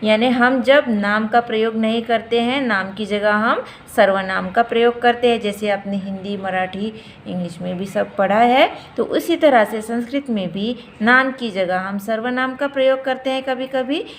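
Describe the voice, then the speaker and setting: A woman teacher giving a grammar lesson, saying each form slowly and repeating it so students can practise. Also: a little high, slight background noise. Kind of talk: grammar lesson explaining and drilling forms.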